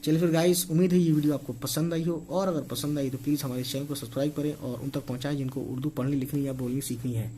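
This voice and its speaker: A man's voice: a little high, fairly even intonation, warm tone, slight background noise, low-quality recording. A man teaching how to write words in Urdu script, spelling each one out letter by letter and checking in with a frequent "okay". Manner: slow, spells letters aloud, repeats okay often. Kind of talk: casual spoken lesson.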